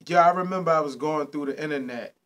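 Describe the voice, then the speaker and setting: Animated slangy podcast host man. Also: a little high, fast. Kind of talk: casual interview chat.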